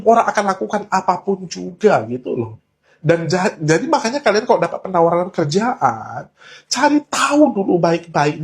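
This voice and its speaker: A man telling a warning story to his viewers in an urgent, emphatic way, mixing casual slang into his talk. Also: high voice. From Indonesia. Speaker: online talk host. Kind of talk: earnest warning monologue.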